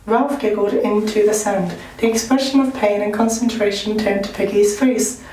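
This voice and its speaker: A man reading a novel aloud at a slow, measured pace. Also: sits high, fairly even intonation, a little mellow. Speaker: reader. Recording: roomy sound, distant mic.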